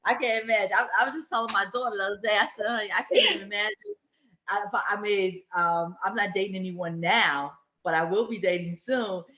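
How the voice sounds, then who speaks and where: A woman's voice: mid-range voice, animated, fast, bright, forceful tone. A woman in her fifties chatting casually, telling stories and acting out what people said. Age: 50s. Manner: chatty storytelling, acts out quotes. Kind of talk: casual chat. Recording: dull echoey room sound.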